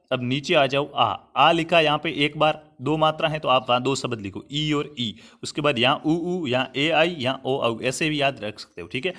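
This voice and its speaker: A man's voice: fairly high pitch, fairly bright tone. A man from Rajasthan, India, teaching a Hindi grammar class online, repeating points and checking in with his students as he writes on a digital board. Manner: repetitive, checks in with "thik hai" often; addresses students as "saathiyon" and "bhai". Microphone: writing on a digital board while talking.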